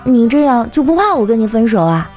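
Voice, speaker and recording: A woman putting on a whiny, sulky young girlfriend with a high voice. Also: very animated, a little fast, a little mellow, soft background music. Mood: petulant. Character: young woman friend, foodie, quick to sulk.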